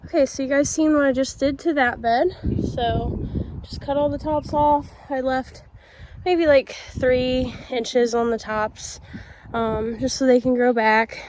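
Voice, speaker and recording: A high-voiced young woman chats out in her garden, walking through what she's doing in a loose, rambling way full of ums. She's recorded on a camera mic outdoors with faint noise in the background. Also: steady tone, unhurried. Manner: chatty, rambling, with many ums and sos. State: out of breath and sweaty. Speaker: vlogger. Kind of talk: casual garden vlog.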